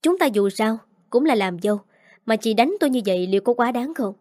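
A woman reading the part of a spiteful young aunt who scolds a child, fast and sharp. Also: a little high, animated, dry recording, studio quality, lightly acted. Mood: aggrieved. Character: spiteful young stepmother-aunt, shrill and cruel.

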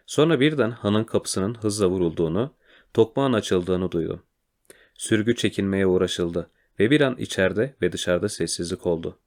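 A man reads a children's adventure story aloud in a quiet, measured way. His voice is very low and deep, and the telling stays calm and steady. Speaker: narrator. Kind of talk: storybook reading.

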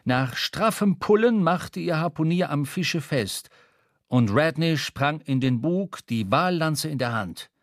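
A man narrating a literary sea story in a measured, storytelling delivery, recorded in a studio. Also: on the high side, lively intonation, no room sound. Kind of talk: scripted literary reading.

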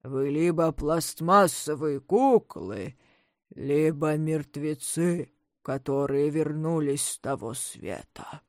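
A woman voicing a big, hungry, grumbling male bear in a storybook, speaking slowly and low in a growl. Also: no room sound, studio quality. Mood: gruff. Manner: slow, low growling delivery.

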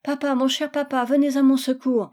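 A woman's voice: high voice, little pitch movement, fairly quick, dark tone, voice pushed up, natural voice. A woman voicing a spoiled, demanding little girl who whines and insists in a storybook reading. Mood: petulant. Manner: whiny, insistent.

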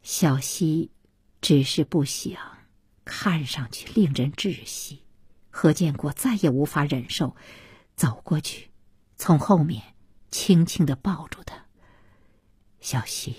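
A woman narrating a novel in an audiobook, her voice low, soft and very breathy, almost husky. She reads slowly and steadily. The recording is close and completely dry. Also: no room sound. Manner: soft, hushed, breathy reading.

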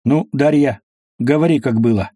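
A man's voice: medium pitch, normal speed, dark tone, dry recording, clean studio sound, lightly acted. A man voicing a stern young tsar who asks short, curt questions.

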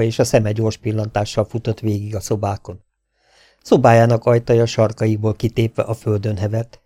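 A man's voice: on the low side, dark tone, no echo. Man reading an adventure audiobook. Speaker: audiobook reader. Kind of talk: scripted audiobook narration. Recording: dry home audiobook recording.

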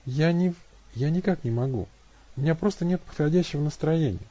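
A man's voice: on the high side, brisk, warm tone, lo-fi sound, pitched above the performer's own voice, lightly acted. A man voicing a simple, stubborn young woman who pleads in a raised, plaintive voice in an audiobook.

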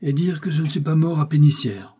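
A bitter, tearful old farmer mourns his lost master, his husky voice straining upward as grief breaks through. A man reads him aloud in a storybook reading. The tone stays dark and mellow underneath. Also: fairly high pitch, fairly quick, pitched above the performer's own voice. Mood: grieving.

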